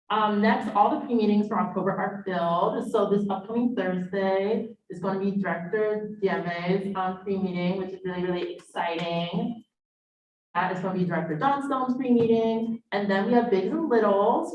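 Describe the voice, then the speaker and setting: Young woman rattling off meeting announcements, lots of likes and ums, muffled far mic. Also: mid-range voice. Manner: energetic, filler-heavy with "like" and "um". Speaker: student government director. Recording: muffled, echoey room, distant mic.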